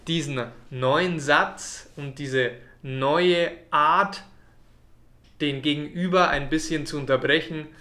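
A man teaching German in an online video lesson, speaking clearly and deliberately for learners. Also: on the high side, bright, forceful tone. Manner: slow, clear teaching delivery.

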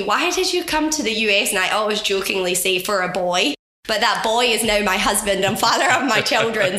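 A Scottish woman in her forties talks earnestly and at length as an interview guest, her voice slightly affected by a cold. Her tone is bright and forward. The office around her adds noticeable room echo. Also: medium pitch, creaky. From west coast of Scotland. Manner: earnest, talkative storyteller. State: has a cold. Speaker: guest, charity founder. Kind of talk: conversational interview. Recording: roomy office recording.

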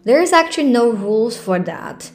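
Over soft background music, a young Chinese woman with a Chinese accent talks casually but earnestly on her solo podcast, with plenty of fillers and restarts. She sounds animated, her voice on the high side and a little mellow, at a normal speed.

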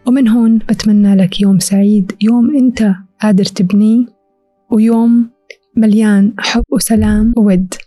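A woman's voice: mid-range voice, fairly even intonation, normal speed, dark tone, dry recording, faint music behind. A woman with a Levantine Arabic accent hosting a reflective self-help podcast as a monologue, addressing the listener directly and instructively. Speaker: podcast host.

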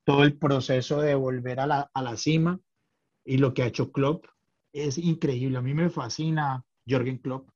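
A man's voice: mid-range voice, fairly even intonation, normal speed, darkish tone. Hesitant man, lo-fi sound. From Colombia. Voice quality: hesitant, many fillers and restarts. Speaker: podcast guest. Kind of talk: casual chat.

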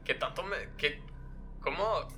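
Bright-voiced Mexican man, easygoing chat. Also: a little high, slow pace. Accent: Mexican Spanish. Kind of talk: casual chat.

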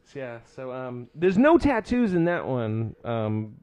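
A man's voice: medium pitch, sing-song, unhurried, highs cut off, crowd noise. A man in casual podcast chat, rambling and swearing, often laughing.

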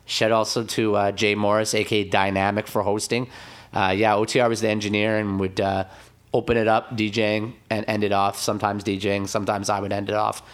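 Hoarse man, slangy and low. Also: flat delivery, fairly quick. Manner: slangy, hyped, full of shout-outs. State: hoarse, raspy throat. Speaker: DJ guest. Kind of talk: casual podcast chat.

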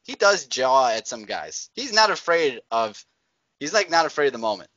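Animated guy co-hosting a podcast, bright voice, dry slightly dull sound. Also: mid-range voice, moderate pace, no echo. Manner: animated, acts out shouted movie-villain lines. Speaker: podcast co-host. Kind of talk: casual chat.

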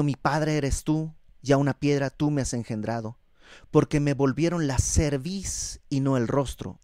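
A man's voice: medium pitch, darkish tone, no room sound, clean studio sound. A man preaching a sermon in a conversational way, acting out the voices of people as he teaches.

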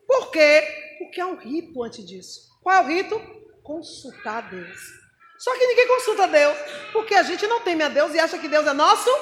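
A woman with a Brazilian Portuguese accent preaching a sermon. She is animated and puts rhetorical questions straight to the congregation. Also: very high voice, echoey room.

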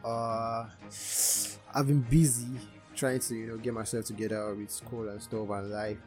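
Mellow young man with a Nigerian Yoruba accent. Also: on the low side, little pitch movement, unhurried, faint music behind. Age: young adult. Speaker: podcast host. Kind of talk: casual podcast chat.

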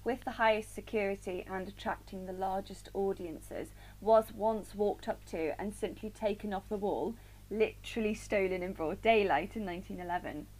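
A woman's voice: mid-range voice, normal speed, darkish tone, poor audio. A young woman co-hosting a podcast, speaking in an upbeat, playful way. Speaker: podcast co-host. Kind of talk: casual chat.

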